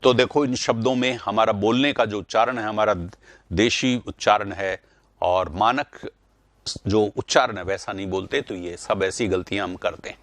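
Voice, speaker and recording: A man's voice: on the low side, normal speed, a bit bright, no room sound. A man teaching Hindi spelling and pronunciation in an online class, repeating words to stress the correct sounds and correcting students directly. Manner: addresses students directly, correcting their answers.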